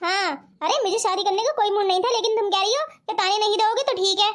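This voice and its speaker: एक औरत कार्टून में ज़िद्दी, तुनकमिज़ाज बड़ी बहन दुल्हन की आवाज़ देती है, तीखे ताने भरे जवाबों के साथ।. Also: female voice, very high-pitched, quick pace. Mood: stubborn. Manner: sharp, quarrelsome retorts. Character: stubborn plump elder sister, young bride. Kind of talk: cartoon voice acting.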